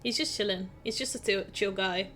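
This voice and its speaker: A woman's voice: mid-range voice, a little fast, a bit bright, soft background music. A bubbly woman co-hosting a podcast, chatting casually and reading a creepy story aloud. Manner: bubbly, cooing over her pets. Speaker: podcast co-host and story reader.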